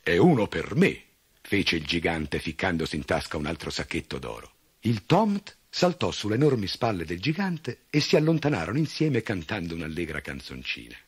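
A man reading a fairy tale aloud in a very deep voice. His pitch swings widely as he tells it, lively and expressive. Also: moderate pace, husky. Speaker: storyteller.

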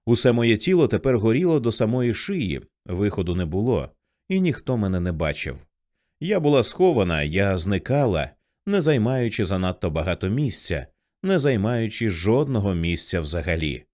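A man reading a novel aloud in a measured, expressive first-person narration. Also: on the low side. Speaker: audiobook reader.

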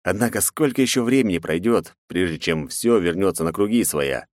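A man reads a first-person adventure novel aloud, his pitch rising and falling a lot. The sound is dry and close, with no room behind it. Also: expressive, moderate pace, no echo. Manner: voices characters with raised pitch and force. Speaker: audiobook narrator. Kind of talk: first-person audiobook narration with acted dialogue.

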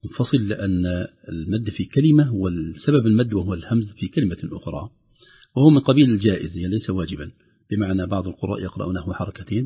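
A man with a slightly husky voice teaches the rules of Quran recitation in a calm, explaining tone. He slows down and chants each example phrase in a drawn-out way. The recording sounds dull and lo-fi. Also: low-pitched. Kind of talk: tajweed lesson with recited examples.

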